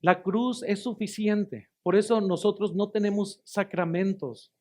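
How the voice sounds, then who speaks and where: A male pastor preaches a testimony sermon, with a voice pitched a little above the usual man's. He tells his story with emphasis, calls his listeners brothers, and doubles back on phrases to stress them. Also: steady tone, a little slow, darkish tone. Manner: repeats and restarts phrases for emphasis.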